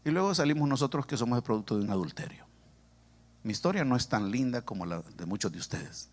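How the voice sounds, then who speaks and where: A man's voice: medium pitch, fast. A man from El Salvador with a Salvadoran accent, a pastor preaching and telling his own story to the congregation with humor. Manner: humorous, animated, addresses the congregation directly. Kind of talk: sermon with personal testimony. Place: church sanctuary.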